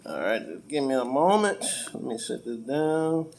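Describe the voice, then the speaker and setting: Very animated and medium-pitched, with a darkish tone and moderate pace, an American man does a hands-on unboxing of car audio gear. The vlogger's talk is casual, folksy and colloquial, recorded on clearly noisy home video.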